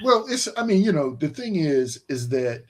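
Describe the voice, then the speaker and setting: A man's voice: on the high side, sing-song. A man hosting a casual sports chat, rambling and restarting his sentences as he makes his points. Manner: rambling, many restarts and fillers, slow emphatic points. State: yawning, tired. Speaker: podcast host.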